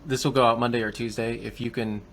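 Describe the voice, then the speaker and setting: A man's voice: medium pitch, little pitch movement, fast talker, a bit bright, slight background noise. A man hosting a podcast, asking casual, rambling questions. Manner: conversational, rambling questions with restarts. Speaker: podcast host. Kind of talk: casual interview.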